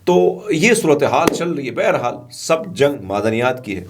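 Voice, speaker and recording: A man's voice: medium pitch, animated, background noise. A man from Pakistan giving conversational news commentary, chatty and digressive, full of asides and fillers.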